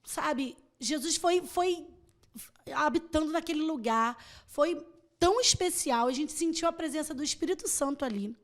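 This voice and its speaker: A woman from Rio, a mission volunteer telling her story as a podcast guest, animated and laughing as she acts out the conversations. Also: sits high, moderate pace. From Rio de Janeiro. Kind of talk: podcast testimony.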